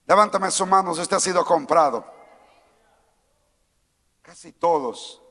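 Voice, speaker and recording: Man preaching loud in a big church, bright voice, echo tail on everything. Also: high-pitched, a little slow. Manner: swings from quiet teaching to shouted exhortation; mimics timid churchgoers in a small mocking voice. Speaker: pastor. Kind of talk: sermon. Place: church sanctuary.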